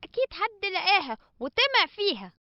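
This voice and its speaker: A woman's voice: very high-pitched, big pitch swings, a little fast, no echo, exaggerated voice. A woman voicing a little cartoon squirrel who talks bluntly and suspiciously. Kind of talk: cartoon voice acting. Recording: slightly dull audio.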